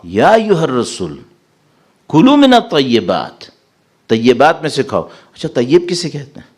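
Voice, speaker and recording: A man giving a sermon as a cleric, explaining verses and asking his listeners rhetorical questions. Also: lowish voice. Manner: lively, rising sharply when reciting Arabic verses; asks the audience rhetorical questions. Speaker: Shia cleric.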